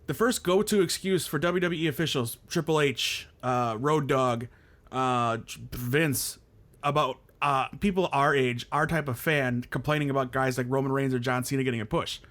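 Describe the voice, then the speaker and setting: A man hosting a casual wrestling podcast, ranting in an animated way and laughing often. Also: medium pitch, moderate pace. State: hiccuping. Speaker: podcast host.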